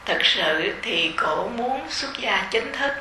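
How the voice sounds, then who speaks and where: A middle-aged woman with a Southern Vietnamese accent gives a dharma talk to her retreat group. She speaks slowly and gently, with a bright, clear tone and the easy fillers of someone talking rather than reading. Her voice rings in an echoey hall with faint ambience behind it. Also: mid-range voice, lively intonation, a little hiss or hum. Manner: gentle, unhurried, conversational with soft fillers. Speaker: meditation teacher leading a retreat.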